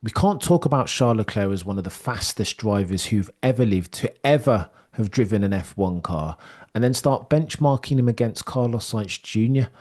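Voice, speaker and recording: A man arguing forcefully as a guest pundit in a heated sports debate, pressing his points and calling the host by name. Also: fairly low pitch, lively intonation, normal speed. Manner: emphatic, combative, addresses the host by name often.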